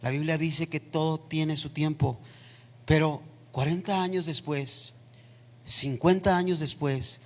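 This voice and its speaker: A man preaching a sermon in a church, building into impassioned, near-shouted passages. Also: fairly high pitch, steady tone, measured pace. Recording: long reverb of a church hall.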